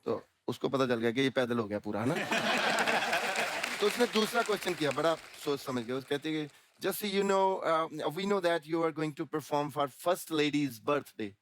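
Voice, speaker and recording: A man's voice: a little high, expressive, takes it slowly, a bit bright. A man from Punjab with a Punjabi accent, telling a comic story on a talk show and laughing as he slips into broken English. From Punjab, India. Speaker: guest singer.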